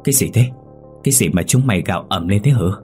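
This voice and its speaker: A man voicing an anxious, sharp-tongued older village woman who nags and scolds. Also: on the low side, lively intonation, normal speed, soft background music, lightly acted. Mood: sharp scolding. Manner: nagging, sharp.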